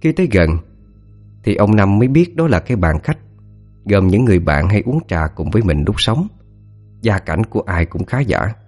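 A man telling a scripted ghost story in a dramatic, expressive way. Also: fairly low pitch, normal speed, soft background music.

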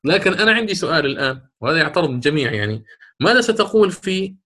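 A man teaching a lesson on Quran recitation rules, asking and answering his own questions and drawing out the recited words slowly. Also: a little high, very animated, bright, forceful tone. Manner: stretches recited words drawn out.

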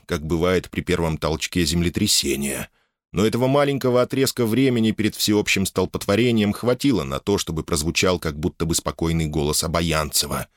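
A male narrator reads a novel aloud with an expressive, dramatic delivery. His voice is low but very animated in pitch, and the recording is dry, with no room sound. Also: no echo. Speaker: audiobook narrator. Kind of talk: scripted audiobook narration.

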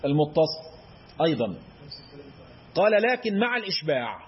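Speaking with an Egyptian Arabic accent, a man gives an explanatory lesson on Quran recitation rules, posing questions to his listeners and then answering them himself. Verse examples are chanted in a drawn-out recitation tone. His voice is on the high side and very animated, with the highs cut off.

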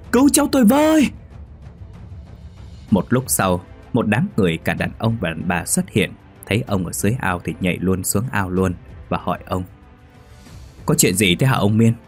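A man reading a ghost story as narrator, steady and measured. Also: sits low. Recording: faint music behind.

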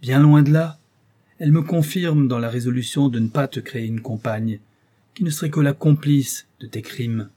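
A man narrating a first-person literary audiobook in a measured, solemn way. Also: mid-range voice, warm tone.

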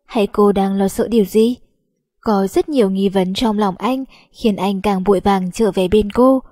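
A woman narrating a romance audiobook with a steady storytelling delivery. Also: mid-range voice, unhurried, no room sound.

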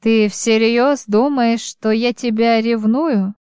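A woman reading an audiobook, voicing a calm husband who teases his wife in a dry, unhurried way. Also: a little high, clean tone, no room sound. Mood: mocking. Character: calm, mocking husband on the phone.

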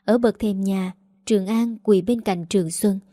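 A woman telling a story as a steady, scripted narration. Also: mid-range voice, normal speed, dry recording, studio quality.

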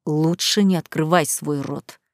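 Woman doing a furious young groom, low and hushed, hissing threats, dry close sound, audiobook. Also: a little slow, no echo. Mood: scornful. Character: angry young man, bitter and contemptuous groom.

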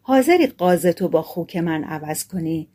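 A woman's voice: on the low side, expressive, warm tone. A woman reading the part of a gullible, cheerful young peasant man in a storybook tale. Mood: eager. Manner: gullible, delighted exclamations.

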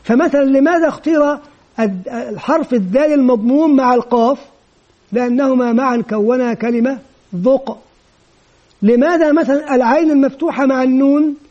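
A man with a very high voice delivers an instructional lecture for teachers. He walks through each step in turn, posing questions and then answering them himself. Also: brisk, mellow, muffled recording. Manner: explains step by step, asks and answers his own questions. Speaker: teacher trainer.

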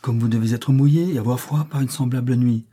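A man's voice: mid-range voice, steady tone, brisk, dark tone, breathy edge, close to an everyday voice. A man voicing an old female servant who is honest but unbending, speaking sternly in a storybook reading. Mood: scolding. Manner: stern, scolding.

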